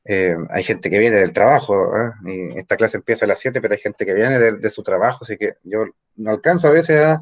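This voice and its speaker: A man's voice: fairly low pitch, a little fast, highs cut off. Chilean man teaching a class. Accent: Chilean Spanish. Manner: explanatory, asks rhetorical questions, frequent "¿ah?" tags. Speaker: language teacher. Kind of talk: online evening class lecture. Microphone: computer or phone mic on a video call.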